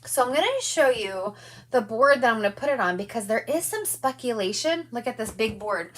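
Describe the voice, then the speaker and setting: A woman's voice: a little high, expressive, a little fast, fairly bright tone. A woman hosting a home craft livestream, chatting with viewers in a bubbly, enthusiastic way. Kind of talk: upbeat livestream sales chat. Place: home, at her craft table. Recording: distant mic with faint room noise.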